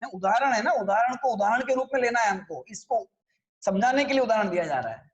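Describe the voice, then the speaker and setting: A man's voice: high voice, animated, fairly quick, echoey room, highs cut off, slight background noise. A man teaching a religious scripture class, explaining in a conversational way and often checking that his listeners follow.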